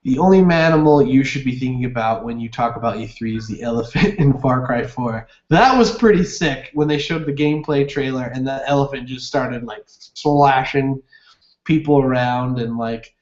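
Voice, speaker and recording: Heard through roomy, dull lo-fi webcam audio, a young man hosts a laid-back gaming livestream. His voice is medium-pitched at normal speed, and he rambles upbeat with many fillers while going through viewer comments.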